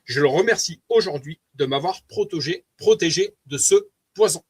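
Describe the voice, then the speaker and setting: A man's voice: on the high side, lively intonation, moderate pace, breathy edge. A man with a French accent giving an earnest, preachy spoken testimony, reading from notes and commenting aloud to his wife.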